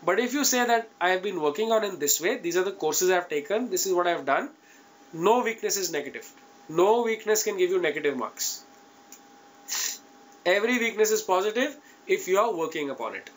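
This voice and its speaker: A man's voice: sits high, lively intonation, normal speed. A man with an Indian accent giving informal, direct advice to students as an interview coach, emphatic and often checking in with his listeners. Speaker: interview coach teaching an online class.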